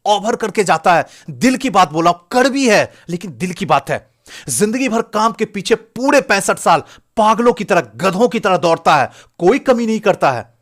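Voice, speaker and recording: Fervent man preaching, pitch swooping wildly. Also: fairly bright tone. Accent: Bihari Hindi. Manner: preachy, exhorting, rhetorical questions. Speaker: exam coaching teacher and motivational speaker. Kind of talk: fervent motivational lecture.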